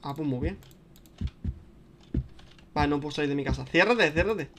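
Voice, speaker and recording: A young man with a Spain Spanish accent, chatting casually and swearing as he plays a video game, turning panicky and loud when scared. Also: fairly high pitch, normal speed, background noise. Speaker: gaming streamer. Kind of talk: casual let's-play commentary.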